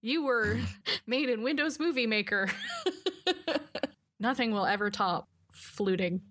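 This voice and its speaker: A woman co-hosting a podcast in casual chat, animated, laughing often and swearing freely, recorded over a Skype call. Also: on the high side, takes it slowly, no room sound. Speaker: podcast co-host.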